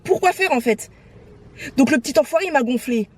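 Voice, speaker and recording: A young woman vlogging casually from her phone while out and about, animated and outspoken, slipping between French and English. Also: high-pitched, brisk, breathy edge. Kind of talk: casual vlog chat.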